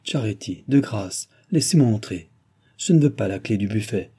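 A brooding middle-aged lawyer, lonely and bitter, as a man reads him. He speaks low and grave, with a dark, husky tone. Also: lively intonation, normal speed. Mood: pleading.

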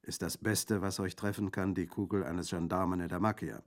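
A man's voice: sits low, steady tone, normal speed, lightly acted. A man voicing an earnest, courteous young lieutenant in a radio reading.

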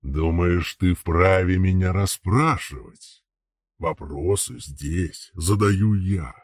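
A man voicing a huge, weary old male dragon, speaking slowly and aloofly in a husky voice for an audiobook. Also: no room sound, studio quality, full character voice. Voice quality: husky, deep and distant timbre. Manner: slow, questioning, aloof. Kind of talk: audiobook character voice.

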